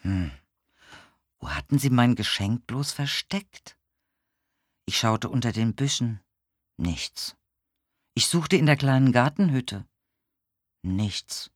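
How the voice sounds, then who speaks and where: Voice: mid-range voice, no echo, clean studio sound. A narrator reading a children's audiobook aloud, telling the story as a young boy detective. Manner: slow, lively storytelling as a seven-year-old boy detective.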